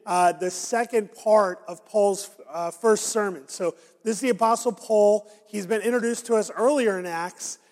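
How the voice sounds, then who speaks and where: Hoarse and raspy from a sore throat, a high-voiced man with a darkish tone delivers a sermon as pastor. He speaks casually with lots of fillers while long reverb from the hall trails behind him.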